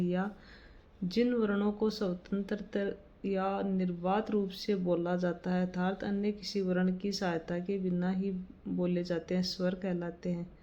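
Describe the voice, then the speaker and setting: A woman teaches grammar at an unhurried pace, reading definitions from her notes and then explaining them in plain words. Her voice is mellow and stays level, with little rise or fall. The recording is dull and lo-fi. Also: medium pitch.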